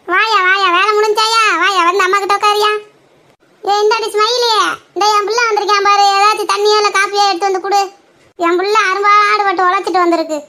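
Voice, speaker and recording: Young performer as a greedy old mother-in-law, taunting, bossy, very high bright voice, comedy skit. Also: little pitch movement, a little fast. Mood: doting. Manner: bossy, taunting, fake wailing.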